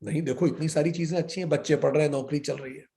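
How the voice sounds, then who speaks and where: A man's voice: fairly high pitch, steady tone, racing, gravelly, mellow. A man giving a spiritual lecture as a yoga philosophy teacher, firing rhetorical questions and mixing English words into his talk. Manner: asks rhetorical questions, then answers them himself; mixes English words into Hindi.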